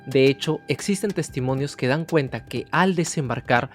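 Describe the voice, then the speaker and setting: A man's voice: medium pitch, moderate pace. A man narrating an educational history video, telling the story directly to the viewer. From Peru. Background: guitar music.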